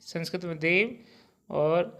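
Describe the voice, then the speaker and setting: A man's voice: fairly high pitch, fairly bright tone. A man teaching a grammar lesson, reciting word pairs one by one and stopping to stress correct pronunciation. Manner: slow, deliberate recitation of vocabulary lists with pronunciation reminders.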